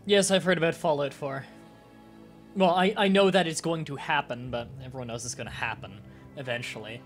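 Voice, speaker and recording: A congested man wearing a nasal strip, short of breath, chatting casually to viewers as a live streamer and pausing to breathe. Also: on the high side. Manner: halting, with pauses to breathe and throat clearing. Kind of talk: casual livestream chat to viewers. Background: music.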